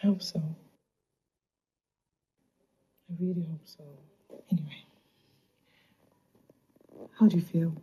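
An actress playing a gentle, lovelorn young wife, earnest and subdued, in a naturalistic screen drama. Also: female voice, on the low side, measured pace, slightly rough, muffled recording. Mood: quietly hopeful.

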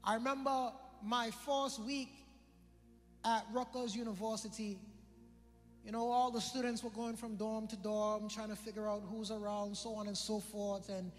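A man's voice: high-pitched, level tone, moderate pace, long reverb tail, faint music behind. A man from the British Virgin Islands with an island accent, preaching a sermon, quizzing his congregation and repeating phrases for emphasis.

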